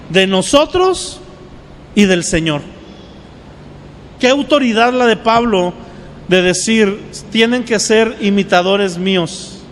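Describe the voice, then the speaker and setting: High-voiced pastor preaching. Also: male voice, big-room sound, a little hiss or hum. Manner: preaching with call-and-response asides. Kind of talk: sermon.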